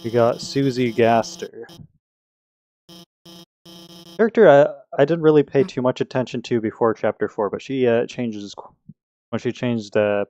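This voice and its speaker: A man's voice: mid-range voice, moderate pace, a little mellow, lo-fi sound. A man casually commenting while playing a video game, talking in a rambling, hesitant way with many restarts.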